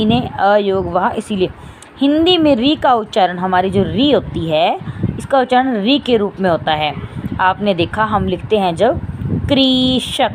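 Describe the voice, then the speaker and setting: A woman teaching a lesson, asking questions and answering them herself and saying the sounds out slowly. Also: medium pitch, noisy background. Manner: says vowel sounds aloud, drawn out. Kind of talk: classroom lesson.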